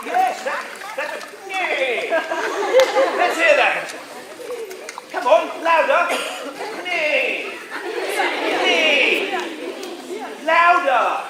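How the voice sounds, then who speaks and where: An actor playing a pompous English gentleman detective on stage with an English accent, theatrically coaxing a live audience to join in. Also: very high voice, exaggerated voice. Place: large indoor sports hall. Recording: echoey hall, loud audience noise. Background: noisy crowd of children.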